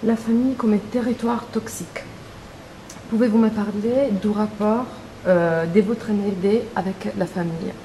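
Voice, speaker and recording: A woman interviewer asking formal, direct questions in a measured way. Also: medium pitch, fairly even intonation, dark tone, slight background noise, rough recording.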